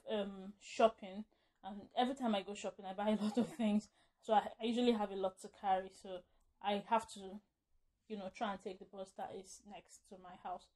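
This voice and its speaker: A woman's voice: medium pitch, dark tone. A woman telling a casual storytime vlog, rambling, correcting herself and laughing often. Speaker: vlogger.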